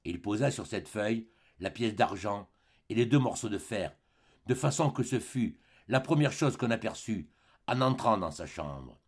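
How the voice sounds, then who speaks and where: A man reading a classic novel aloud as an audiobook, expressive, dropping low and soft at grave moments. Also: normal speed, husky. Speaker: audiobook reader. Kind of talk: dramatic audiobook narration.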